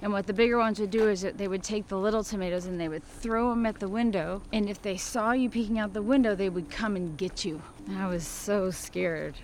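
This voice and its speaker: A woman's voice: mid-range voice, fairly quick, few pauses, darkish tone, slight background noise. Playful laughing woman. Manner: playful storyteller, laughs often, sings silly rhymes. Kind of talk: casual chat on a walk.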